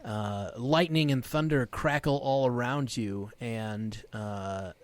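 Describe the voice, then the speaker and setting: A man narrating a tabletop game as game master, describing scenes in an unhurried, halting way with many pauses. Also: mid-range voice, no room sound.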